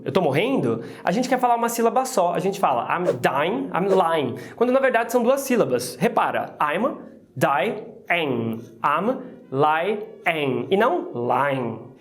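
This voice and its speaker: A Brazilian woman teaching English pronunciation in a playful, chatty way, with exclamatory asides. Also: medium pitch. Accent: Brazilian Portuguese. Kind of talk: casual explanatory lesson.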